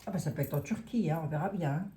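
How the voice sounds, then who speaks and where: A woman's voice: deep voice, quick pace, warm tone, roomy sound. A woman with a Lorraine French accent doing a casual tarot reading, musing aloud and hesitating with many fillers. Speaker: tarot reader.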